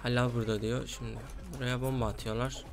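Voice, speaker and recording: A man giving casual gameplay commentary as a gaming YouTuber, excitable and quick to flare up at his losing teammates. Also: medium pitch, music in the background.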